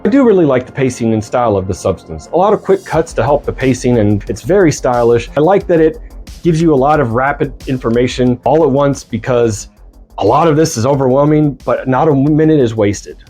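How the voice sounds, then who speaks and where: A man's voice: mid-range voice, animated, a little fast, mellow, soft background music. A man in his mid-forties giving a scripted film review with earnest enthusiasm and wry asides. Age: 40s.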